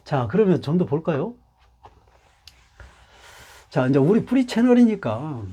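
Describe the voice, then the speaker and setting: A man's voice: a little high, sing-song, unhurried, warm tone, slightly rough. A man giving a character lesson, explaining patiently and repeating himself often. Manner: explains patiently with many repetitions. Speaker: Hanja teacher. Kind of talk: lively lecture explaining Chinese characters.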